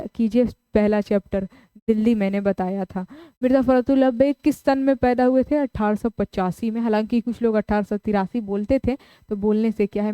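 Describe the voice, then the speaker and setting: A woman teaching a live online exam-prep class, who briskly reads out the options, repeats the answers aloud and urges her students to reply in the chat. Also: on the high side, clean tone, no room sound, highs cut off.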